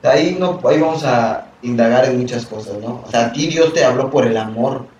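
A man's voice: medium pitch, fairly quick, darkish tone, recorded from a distance, dull audio, slight background noise. A man in a casual chat, talkative and full of fillers. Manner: talkative, fillers like "o sea" and "pues". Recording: echoey room, voice off-mic.

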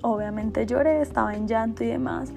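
A woman host speaking in a soothing, unhurried way as she shares self-help guidance. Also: on the high side, creaky, darkish tone, faint music behind. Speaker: host sharing personal self-help exercises. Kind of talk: soft, slow guided meditation.

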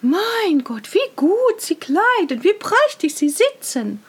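A woman's voice: sing-song, takes it slowly, heavily acted. A woman voicing a pair of fawning male swindlers who gush over the emperor's clothes. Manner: gushing, high and loud.

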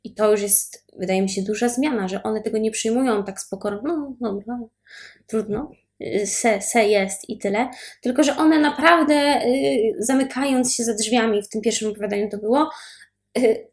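A woman's voice: on the high side, moderate pace. A woman in casual book discussion, giving emphatic opinions with fillers. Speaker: podcast co-host.

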